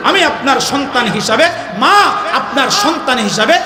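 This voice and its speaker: A man preaching an impassioned Islamic sermon, shouting and pleading as he exhorts listeners, repeating phrases for emphasis. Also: extremely high pitch, animated, normal speed, music in the background. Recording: echoey sound system, crowd present.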